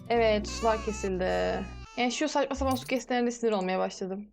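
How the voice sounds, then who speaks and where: A woman's voice: medium pitch, quick pace, creaky, darkish tone, soft background music. A young woman casually commenting on her life-sim gameplay, chatting and scolding the characters on screen. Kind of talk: casual let's-play commentary.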